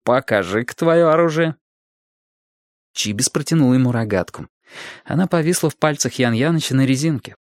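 A man's voice: medium pitch, animated, fairly quick, a little mellow, no room sound, studio quality. A man reading a story aloud as a narrator, animating each character's lines. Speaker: audiobook narrator. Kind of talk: scripted narration.

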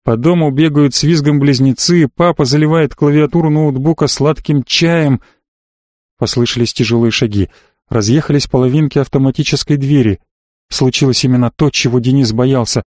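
A man narrating a novel as an audiobook, in a measured, even storytelling manner. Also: medium pitch, no echo, clean studio sound. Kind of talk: scripted narration.

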